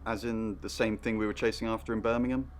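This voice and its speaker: A somewhat low male voice, an actor playing a tense investigator in a mystery game. He sounds worried and earnest and keeps it low-key. Faint music runs beneath his lines. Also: level tone, fast talker, lightly acted. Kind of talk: game character dialogue.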